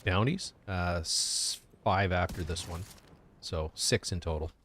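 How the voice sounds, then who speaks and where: A man's voice: deep voice, unhurried, a bit bright, a little hiss or hum. A man giving casual gameplay commentary as a live streamer.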